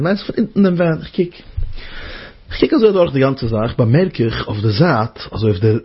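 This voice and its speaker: A man giving a religious talk as a lively story, jumping now and then into high exclamations, on a dull lo-fi recording. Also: breathy edge. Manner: animated, jumps into high exclamations. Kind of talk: storytelling sermon.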